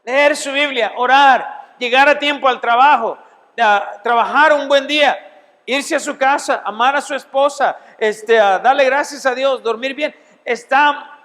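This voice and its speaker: A man's voice: extremely high pitch, moderate pace, fairly bright tone. A middle-aged man, a pastor, teaching a seminary Bible class in an emphatic sermon style, asking his listeners questions. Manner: emphatic, asks the audience questions. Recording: long hall reverb.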